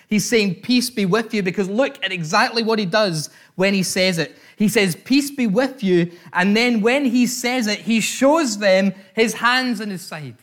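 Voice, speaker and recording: A man's voice: high-pitched, a bit bright. A man preaching an Easter sermon as pastor, earnest and repeating his phrases, with frequent fillers.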